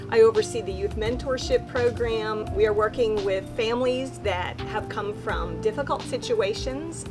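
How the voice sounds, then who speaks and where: A woman program coordinator describing her work in an interview, slightly halting. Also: a little high.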